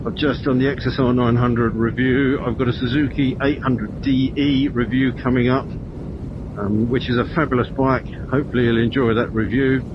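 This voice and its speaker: A man chatting casually and rambling as he rides, his voice muffled and boxed in inside a helmet. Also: mid-range voice. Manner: rambling, thinking aloud. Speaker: motorcycle vlogger. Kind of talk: casual motovlog chat while riding. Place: inside a motorcycle helmet, riding outdoors on country roads. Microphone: helmet intercom microphone. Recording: muffled helmet intercom, loud wind and engine noise.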